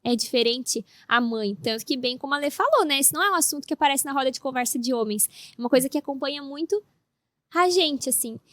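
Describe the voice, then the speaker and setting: A woman on a podcast, a mother of a baby, telling stories in a lively, animated way as co-host. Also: sits high, quick pace, no echo. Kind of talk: casual podcast chat.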